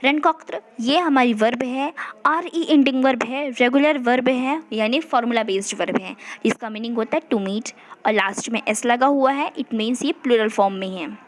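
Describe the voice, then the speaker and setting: A woman's voice: on the high side, moderate pace. A woman teaching an online language lesson, patiently explaining in Hindi and English and reading dialogue aloud. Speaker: French teacher.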